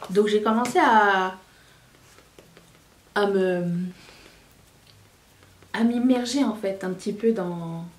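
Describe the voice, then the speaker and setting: A woman's voice: medium pitch, takes it slowly, pauses often, far from the mic. A candid woman in her thirties talks casually to her viewers, chatty and loose, often circling back to restart a thought. Her voice sits back from the microphone. The room around her rings noticeably. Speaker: vlogger. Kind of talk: casual chat to camera. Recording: roomy, voice a bit away from the mic.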